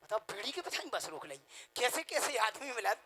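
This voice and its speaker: Male comic storyteller, high-pitched and animated, rustic delivery. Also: fairly quick. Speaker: comedian.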